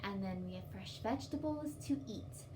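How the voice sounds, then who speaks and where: A woman with a medium-pitched, expressive voice hosts children's storytime at a library, speaking at a moderate pace. She reads aloud and explains in simple, instructive phrases, and the distant mic catches faint background noise.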